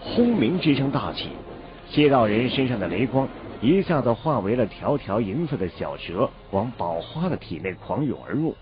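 Steady male audiobook narrator. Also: mid-range voice, normal speed. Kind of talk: scripted novel narration. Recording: dull lo-fi audio, faint background music.

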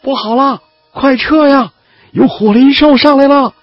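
A male narrator putting on a high, panicked voice for a lookout man shouting a loud warning, on a muffled recording with faint music. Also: unhurried, dry recording. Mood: alarmed.

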